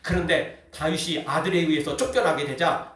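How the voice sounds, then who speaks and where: A man's voice: on the high side, moderate pace, fairly bright tone. A male pastor preaching a sermon with emphasis, often dropping a short "yes" between phrases. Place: church sanctuary. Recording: very echoey hall, distant mic.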